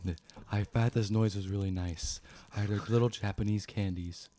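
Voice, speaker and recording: A man putting on a hushed ASMR tutorial voice in a whispered role-play, speaking softly. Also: lowish voice, fairly even intonation, slight background noise, close to an everyday voice. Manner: hushed, deliberately soft.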